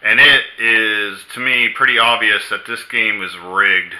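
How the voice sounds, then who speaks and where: A man commenting on a football play in a casual vlog, emphatic and incredulous, slowly stressing his words. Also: lowish voice, fairly even intonation, pushed and bright, a little hiss or hum, rough recording.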